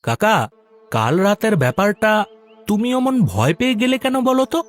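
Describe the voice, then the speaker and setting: In an animated audio story, a male actor voices a curious, stubborn young city man visiting his village relatives. His high, very lively voice moves at a moderate pace as he keeps pressing his questions, with music playing behind him.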